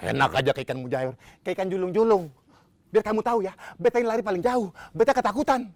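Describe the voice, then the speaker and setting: A man playing a jumpy high-voiced vegetable seller. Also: fast talker, no echo. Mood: spooked. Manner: frightened, dramatic. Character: jumpy eastern Indonesian vegetable seller, scared.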